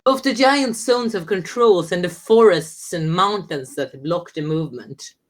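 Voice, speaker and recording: A woman's voice: on the low side, a little slow. A woman giving live commentary on a strategy game match, explaining the moves step by step and agreeing with her co-casters. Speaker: esports commentator.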